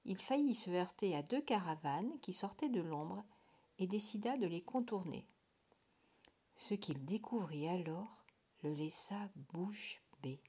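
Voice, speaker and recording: A woman reading a children's storybook aloud with expressive delivery, dropping to a hush in tense moments. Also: mid-range voice.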